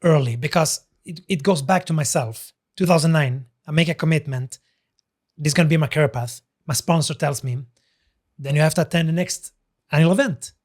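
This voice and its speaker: A man from Sweden with a slight Italian tinge, telling his story as an interview guest and acting out quoted dialogue. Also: fairly high pitch. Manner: quick, animated, acts out quoted dialogue.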